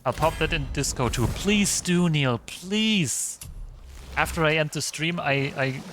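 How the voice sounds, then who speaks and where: A man's voice: a little high, animated, unhurried, background noise. A man giving casual, rambling commentary while streaming a video game, swearing casually. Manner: chatty, rambling, swears casually, many restarts.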